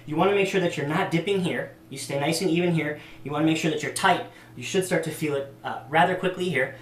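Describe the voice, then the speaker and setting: A man's voice: fairly high pitch, fast. Slightly breathless male fitness instructor. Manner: casual, demonstrating moves with many ums. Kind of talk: workout demonstration. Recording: echoey room, distant mic.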